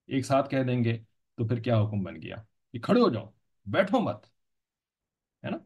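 A man's voice: fairly low pitch, creaky, mellow, slightly rough. A man teaching a religious lesson in an explanatory lecture style, patiently repeating points and checking that listeners follow. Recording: dull lo-fi recording.

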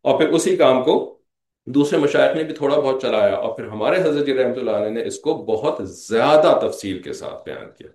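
A man's voice: mid-range voice, brisk, a little mellow, roomy sound. A man giving a conversational Islamic lecture, mixing in English phrases and checking in with his listeners after nearly every point. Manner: conversational, repeats "theek hai" as a check-in; mixes English phrases into speech. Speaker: religious lecturer.

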